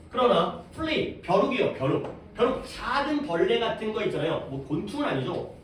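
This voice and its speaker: Expressive male teacher in an echoey classroom. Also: sits high. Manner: explains step by step, asks the class questions. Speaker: high school English teacher. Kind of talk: classroom reading lesson. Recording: echoey room, mic at a distance, faint background noise.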